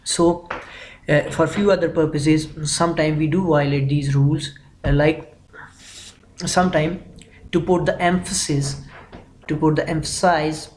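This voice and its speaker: A young man delivers a grammar lecture in a methodical, patient way, repeating key phrases as he works through examples. His voice sits a little higher than most men's. A faint background hum runs under the recording. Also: steady tone, unhurried, long pauses, darkish tone, rough recording. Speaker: English grammar teacher.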